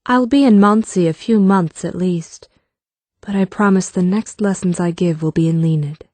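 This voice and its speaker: A man's voice: high voice, normal speed, a little mellow, no room sound, voice pushed up, close to an everyday voice. A man voicing a blunt, determined young woman warrior in an audiobook, speaking earnestly and directly. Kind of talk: audiobook character voice.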